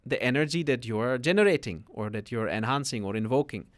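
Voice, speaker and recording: A man's voice: medium pitch, lively intonation, fast. A man, a guest spiritual teacher explaining things patiently on a podcast, often tagging his sentences with a questioning "no?". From Netherlands.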